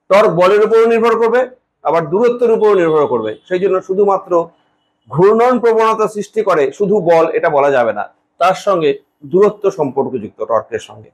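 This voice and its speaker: A man teaching a physics lesson who explains step by step, asking questions and answering them himself. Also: high voice. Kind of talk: classroom lecture.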